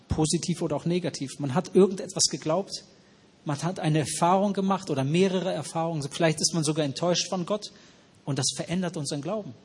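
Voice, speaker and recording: Husky-voiced man preaching a sermon. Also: on the high side. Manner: asks the congregation questions and repeats their answers. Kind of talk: interactive sermon. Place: church hall with noisy ventilation.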